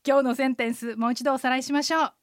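A woman co-hosting a radio language lesson as an interpreter guide, explaining in a friendly way with quick asides. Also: high-pitched, steady tone, dry recording, studio quality.

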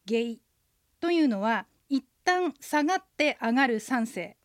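A woman co-hosting a radio language lesson, explaining pronunciation clearly. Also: a little high, expressive, a little slow, dry recording, clean studio sound.

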